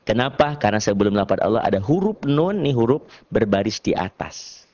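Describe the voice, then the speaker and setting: A man teaches Quran recitation in a loose, jokey classroom manner. He acts out imagined students, and his pitch leaps high and drops low as he demonstrates. The recording is dull and lo-fi. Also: very animated, fairly quick, a little mellow. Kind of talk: casual classroom lesson.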